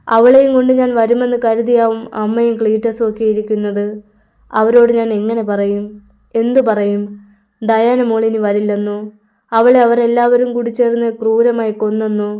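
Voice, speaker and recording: A drunk young man, torn apart by grief and swearing revenge, as a woman reads him in a story. The voice is smooth and clear. The recording sounds a little dull. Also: on the high side, flat delivery, moderate pace, natural voice. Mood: raging grief. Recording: slightly dull lo-fi audio.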